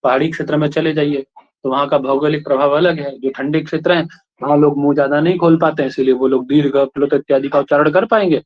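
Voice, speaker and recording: A man's voice: on the high side, fairly even intonation, fast talker. A man from India teaching a class, explaining points and checking in with the students with short questions. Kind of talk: classroom lecture. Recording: lo-fi classroom recording.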